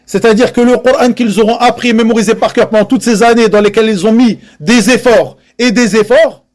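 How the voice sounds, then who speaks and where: An extremely high-pitched male voice with a darkish tone moves a little fast here. He is delivering a religious lesson in French to people gathered live, earnestly stressing his points, repeating key phrases, and using Arabic religious terms.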